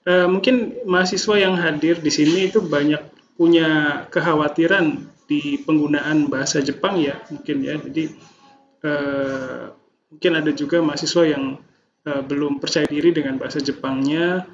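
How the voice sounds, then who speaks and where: A man's voice: a little high, steady tone, moderate pace. Man with choppy audio breaking up on a call. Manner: polite, hesitant, lots of fillers. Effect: choppy, breaking-up audio over a weak call connection. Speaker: university lecturer hosting an online session. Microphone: video call. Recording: dull lo-fi call audio with faint noise.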